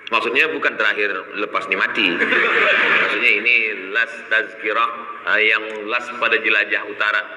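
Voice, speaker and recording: A man in his forties preaching to a congregation, telling stories in an animated way and acting out dialogue. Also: fairly low pitch, normal speed, heavy background noise. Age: 40s. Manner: animated storytelling, acts out dialogue. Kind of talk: religious talk to a congregation. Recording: echoey hall reverb.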